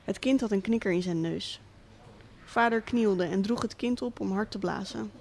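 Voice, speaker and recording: A cynical, wealthy father who walked out on his family, talking in a dry, unhurried, sardonic tone, as a woman reads him aloud. The voice sits at an ordinary middle pitch, with measured pacing. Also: vocal fry, a little mellow, a little hiss or hum, close to an everyday voice. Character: cynical rich middle-aged father, absent tycoon. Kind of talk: literary monologue reading.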